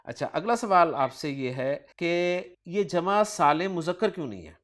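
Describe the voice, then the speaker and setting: A man's voice: a little high, lively intonation, a bit bright. A man with a Pakistani Urdu accent teaching Quranic grammar, quizzing his student and praising each answer. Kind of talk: question-and-answer grammar lesson.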